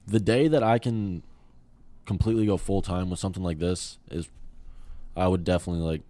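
A young man chatting casually as a podcast guest, rambling with lots of fillers and trailing off quietly. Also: deep voice, fairly even intonation, fairly quick, no echo. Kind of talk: casual chat.

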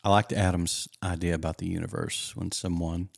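Deep gravelly man telling faith stories. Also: normal speed, no room sound, studio quality. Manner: animated storyteller, acts out quoted lines. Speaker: co-host. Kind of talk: casual faith chat.

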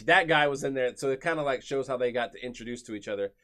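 A man's voice: medium pitch, fast, fairly bright tone. A man with a slangy frat-bro manner, chatting casually as a co-host reviewing a film. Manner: frat-bro talk, slangy with "dude", sick, dope. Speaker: podcast co-host.

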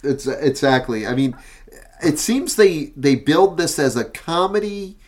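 A man co-hosting a podcast, chatting about a film in a hesitant, halting way and repeating his words. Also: a little high, expressive. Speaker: podcast co-host. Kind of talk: casual chat reviewing a film.

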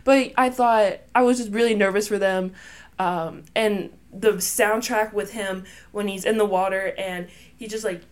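A woman co-hosting a relaxed podcast chat, with a medium-pitched voice. She trips over names, apologizes and laughs as she goes. Her talk is loose and conversational, recorded on a home podcast mic. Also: measured pace. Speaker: podcast co-host. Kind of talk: casual chat.

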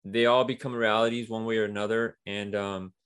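A man's voice: lowish voice, flat delivery, brisk, fairly bright tone, smooth. Rambling man with lots of fillers. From Mexico–US border region. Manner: rambling, many fillers like "you know" and "like". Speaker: guest, comic writer. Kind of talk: casual interview talk.

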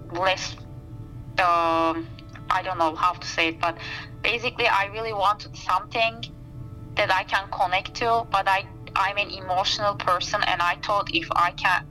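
Sitting outdoors by a campfire as an interview guest, a researcher from Turkey speaks in a bright, mid-range voice with a Turkish accent. The conversation is casual and she is thoughtful, often groping for words with fillers, and the recording quality is low.

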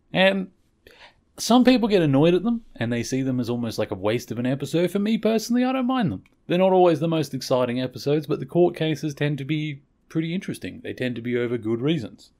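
A man's voice: medium pitch, darkish tone. A man hosting a podcast, recapping an episode in a rambling, chatty way and often correcting himself. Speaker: podcast host.

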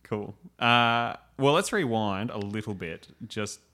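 A man hosting a casual interview, relaxed and encouraging, who asks short follow-up questions. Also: on the low side, slow pace. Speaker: podcast host, interviewer.

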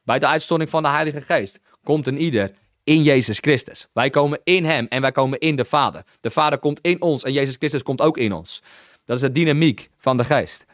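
A man's voice: medium pitch, a little fast, no echo, clean studio sound. A man preaching an exuberant teaching sermon, often calling out halleluja and slipping in English phrases.

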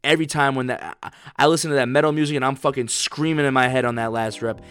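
A man's voice: medium pitch, steady tone, quick pace, fairly bright tone. A young man giving a blunt, profane motivational pep talk, pushy and repetitive. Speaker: motivational speaker.

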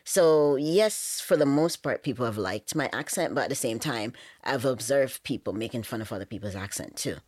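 Guest, Jamaican woman, thirties, very deep voice, dry close sound, frank and emphatic. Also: animated, moderate pace, few pauses, a little mellow, dry recording. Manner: frank, emphatic, with many "you know" fillers. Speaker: podcast guest. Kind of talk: casual interview chat.

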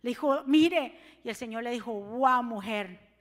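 A woman preaching a sermon, her delivery swinging from soft to shouted and fervent. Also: fairly high pitch, unhurried. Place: church hall. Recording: long reverb of a church hall.

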